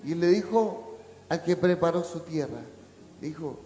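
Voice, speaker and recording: Un hombre pastor que predica un sermón, pregunta a menudo a la congregación si le entiende y sube hasta gritar en los momentos fuertes. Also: male voice, on the high side, animated, measured pace, a little hiss or hum. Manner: preaching, rising to a shout at climaxes; asks the congregation rhetorical questions. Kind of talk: sermon. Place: church hall. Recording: echoey church hall with long reverb.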